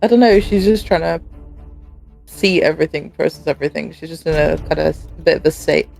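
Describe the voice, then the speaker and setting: A woman playing a tabletop game, talking casually and haltingly about what her character is doing. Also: sits low, gravelly, a little mellow, faint music behind. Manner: hesitant, halting.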